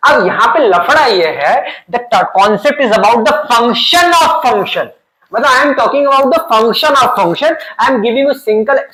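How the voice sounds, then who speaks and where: Indian guy teaching physics online, talks real slow, asks himself questions and answers them. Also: high voice, a bit bright, low-quality recording. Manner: voices students' questions then answers them; mixes Hindi and English. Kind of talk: online lecture.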